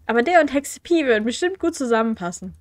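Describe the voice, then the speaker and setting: This let's play host is a chatty young woman nursing a cold, offering wry gameplay commentary from home with plenty of fillers and self-corrections while she reads quest text aloud. Her slightly high voice is very animated and quick, with no echo.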